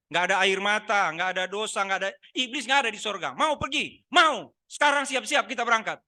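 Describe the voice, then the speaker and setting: A man's voice: high voice, animated, a little fast, sharp tone. A man preaching a Sunday sermon in church, talking with the congregation and teasing them with questions. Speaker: pastor. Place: church service.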